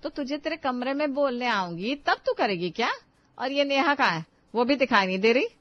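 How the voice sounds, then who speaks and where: A woman's voice: sits high, animated, fairly quick. A woman voicing a stern, nagging middle-aged mother-in-law who scolds her daughters-in-law sharply, in a dull lo-fi recording. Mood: bossy. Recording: dull lo-fi sound.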